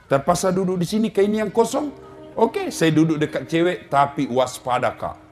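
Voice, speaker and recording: A man's voice: on the high side, animated, moderate pace, a little mellow, soft background music. A middle-aged man preaching a humorous sermon in a Makassar Indonesian accent, telling jokes and speaking straight to the audience. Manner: joking storyteller, addresses audience directly.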